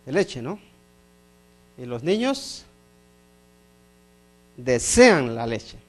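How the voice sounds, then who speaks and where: A man's voice: medium pitch, sing-song, very slow. A middle-aged man preaching a sermon as pastor, emphatic, repeating phrases and asking the congregation questions.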